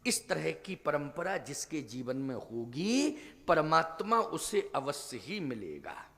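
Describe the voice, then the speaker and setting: High-voiced preaching man in a hall. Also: sing-song, slow, pushed and bright. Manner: preaching with rhetorical questions to the audience. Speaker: spiritual teacher giving a Ramkatha discourse.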